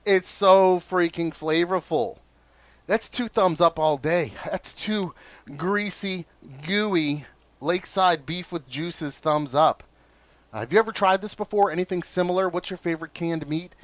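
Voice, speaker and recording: A man's voice: on the high side, a little slow, a bit bright, no echo. A man hosting a casual food review vlog, chatty and enthusiastic, often asking viewers questions.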